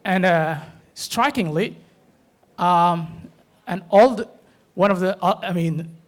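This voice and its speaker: Man from Somalia, forum participant, slightly higher voice, hesitant and halting. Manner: hesitant, many fillers and restarts. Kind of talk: panel discussion remarks.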